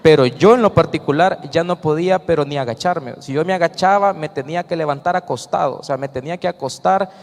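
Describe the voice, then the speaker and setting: Salvadoran man, slightly high voice, earnest church testimony, reverberant hall. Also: a little fast, creaky, few pauses. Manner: earnest, storytelling with acted quotes. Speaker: church member giving testimony. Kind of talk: emotional personal testimony to a congregation.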